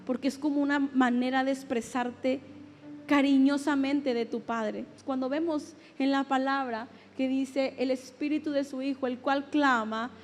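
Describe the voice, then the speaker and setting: Mexican woman pastor, high voice, heartfelt sermon in a reverberant church hall. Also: a little mellow. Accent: Mexican Spanish. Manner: emotional testimony, repeats phrases for emphasis.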